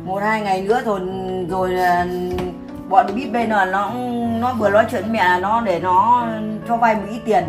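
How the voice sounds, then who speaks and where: A woman's voice: medium pitch, fairly even intonation, normal speed, lightly acted. A woman playing a worried mother who insistently scolds her pregnant daughter to eat, in an amateur family skit. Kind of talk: amateur drama acting. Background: background music.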